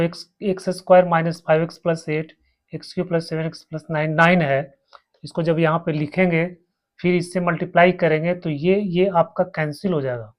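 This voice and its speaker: A man teaching a maths lesson, walking his students through each step and repeating terms as he writes. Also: a little high. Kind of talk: slow blackboard maths lesson.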